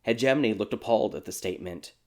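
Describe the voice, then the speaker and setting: A man with a low voice reads a dark fairy tale aloud. His narration is scripted, measured and steady, and he keeps an even storyteller's pace.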